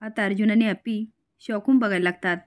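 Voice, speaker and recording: A woman retelling a television serial episode in a plain, brisk storytelling manner. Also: medium pitch, fairly even intonation. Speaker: serial recap narrator. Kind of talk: storytelling recap.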